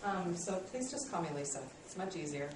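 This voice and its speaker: This lecturing instructor, a woman in her late thirties, has a lowish, slightly mellow voice and talks animatedly and fairly quickly. Friendly, self-mocking and full of ums, she's captured from far off in an echoey classroom with slight background noise.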